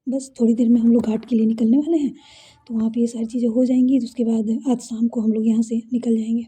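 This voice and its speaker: Lady reading as a soft motherly young woman, reassuring, husky low tone. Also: little pitch movement, fast. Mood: calm. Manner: gentle, reassuring. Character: affectionate, caring young sister-in-law figure.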